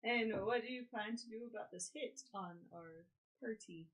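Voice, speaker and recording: A man's voice: high voice, moderate pace, fairly bright tone. A young man playing a tabletop game who asks his questions in a plain, matter-of-fact way. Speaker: player. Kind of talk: casual tabletop game chat.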